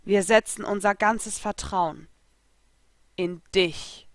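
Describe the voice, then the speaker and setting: A woman's voice: mid-range voice, slow pace, dry recording, natural voice. A woman reading the part of a solemn male spirit king who speaks formally, in a dry recording. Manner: formal, ceremonial speech.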